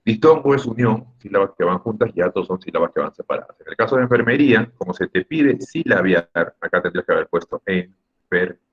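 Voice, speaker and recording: Teacher, male, deep and husky, patient step-by-step explainer, online class audio. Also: expressive, brisk, highs cut off. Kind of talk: online class on Spanish grammar. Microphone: computer mic on a video call.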